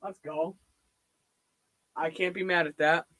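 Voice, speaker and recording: A young man chatting casually on a live stream from home while standing and moving around, so his voice drifts nearer and farther from the microphone. He rambles and reacts out loud. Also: on the high side, fairly even intonation, slow, dry recording. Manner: rambling, reacts loudly to plays.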